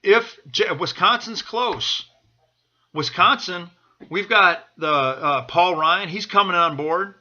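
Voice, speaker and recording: Male vlogger, higher-pitched and very forceful, urgent exhorting delivery, impassioned improvised rally-style pep talk, repeats phrases for emphasis. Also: takes it slowly, dull audio. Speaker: political supporter vlogger. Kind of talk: impassioned off-the-cuff political pep talk to camera.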